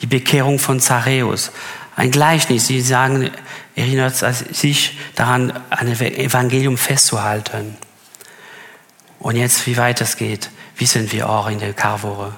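A man's voice: mid-range voice, flat delivery, a little slow, a bit bright, in a large hall. A man giving a Bible teaching sermon, reading scripture aloud and often stopping to correct himself. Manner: reads scripture aloud, with frequent slips and restarts. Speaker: preacher.

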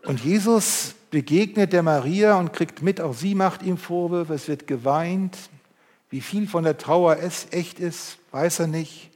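A man preaching a sermon and reading from the Bible, moving between loud emphasis and hushed, intimate passages. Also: fairly high pitch, unhurried. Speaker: pastor. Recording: long hall reverb.

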